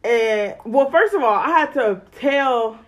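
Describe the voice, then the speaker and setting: A woman co-hosting a casual podcast, telling a story in an animated, profane way and acting out quotes. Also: fairly high pitch, slow. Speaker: podcast co-host.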